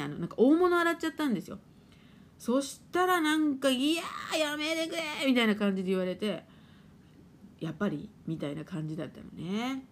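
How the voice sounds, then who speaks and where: A middle-aged woman hosting a casual live stream, chatting and laughing as she reads viewer comments and playfully acts out her washing machine. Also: high-pitched. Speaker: live-stream host and spiritual therapist.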